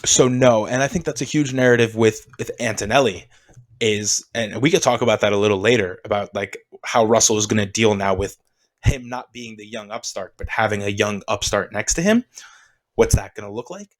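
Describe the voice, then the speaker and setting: A man co-hosting a podcast, talking casually and with strong opinions, animated and dropping "dude" often. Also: fairly low pitch, fairly quick, poor audio. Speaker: podcast co-host. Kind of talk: casual sports chat.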